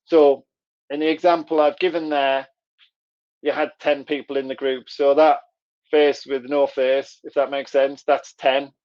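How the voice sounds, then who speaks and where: A man with a Middlesbrough, Teesside accent explaining things conversationally as he presents an online workshop. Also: on the high side. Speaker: webinar presenter. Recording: dull, lo-fi online call audio.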